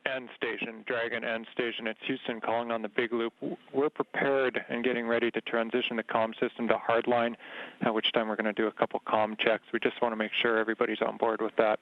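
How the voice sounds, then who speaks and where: Casting: man as spacecraft communicator, procedural and even-toned, heard through a thin, phone-like radio link. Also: on the low side, vocal fry. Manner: measured, procedural. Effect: space-to-ground radio. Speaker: mission control spacecraft communicator. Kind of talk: procedural radio call-outs.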